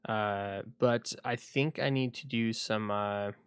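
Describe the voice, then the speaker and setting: Low-voiced man thinking aloud on stream. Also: fairly even intonation, clean tone, no echo. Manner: rambling, thinking aloud with frequent pauses. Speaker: livestreamer. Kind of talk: casual solo livestream chat.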